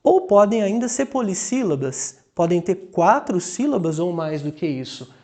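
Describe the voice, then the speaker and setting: A man's voice: sits high, big pitch swings, mellow. A man with a Brazilian Portuguese accent teaching a grammar lesson. He draws out example words syllable by syllable and keeps checking in with the class. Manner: slow, deliberate, drawing out example words syllable by syllable.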